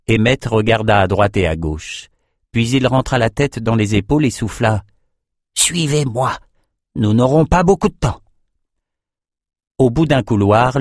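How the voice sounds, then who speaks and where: A man narrating an audiobook in a steady, measured voice. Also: on the low side, dry recording, studio quality.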